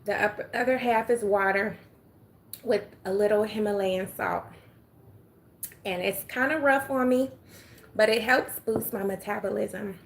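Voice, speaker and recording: Chatting with viewers over a phone livestream, an older Southern-accented woman from Atlanta, Georgia, is folksy and talkative, now and then sinking into a murmur. She speaks at medium pitch with vocal fry, in a sunlit room at home.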